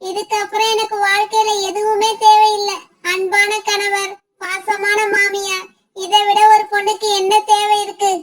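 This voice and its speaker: Woman doing a tiny high myna bride. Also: moderate pace. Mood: joyful. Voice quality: very high, thin and flat-toned. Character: young bride myna bird, gentle and devoted. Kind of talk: cartoon voice acting.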